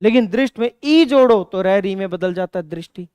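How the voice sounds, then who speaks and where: Clear-voiced male grammar teacher. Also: high-pitched, lively intonation, a little fast, darkish tone, no echo, highs cut off. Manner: asks questions, then answers them himself; repeats and stresses key words. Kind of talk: online exam-prep grammar lesson.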